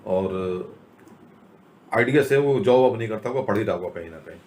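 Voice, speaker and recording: Middle-aged male storyteller with a lowish voice, unhurried and conversational, drawing a moral from everyday events. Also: lively intonation, darkish tone. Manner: conversational, recounting a personal anecdote with reflective asides.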